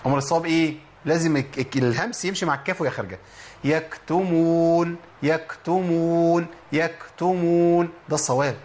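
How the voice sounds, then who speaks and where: Egyptian sheikh teaching Quran pronunciation. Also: male voice, a little high. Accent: Egyptian Arabic. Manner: drills letter sounds slowly, stretching and repeating example words. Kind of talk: Egyptian Arabic tajweed lesson.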